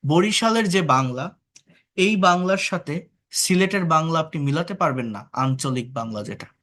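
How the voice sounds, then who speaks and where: At a moderate pace, the tutor's voice comes across as a little high, animated, and somewhat bright. Teaching English online, the Bangladeshi man explains with patience, asks the class rhetorical questions, and weaves in English words.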